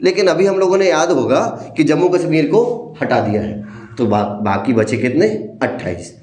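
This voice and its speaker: A man's voice: fairly high pitch, animated, normal speed, a little mellow. A male teacher giving a playful demo lesson, explaining step by step and calling his listeners "beta". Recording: echoey room.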